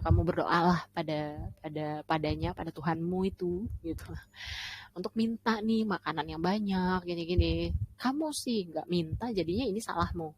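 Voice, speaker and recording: A woman's voice: close to an everyday voice, low-quality recording. Woman putting on a whiny nagging grumbler. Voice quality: high, scolding, listing things rapidly. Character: whiny nagging crowd of ancient grumblers blaming a prophet.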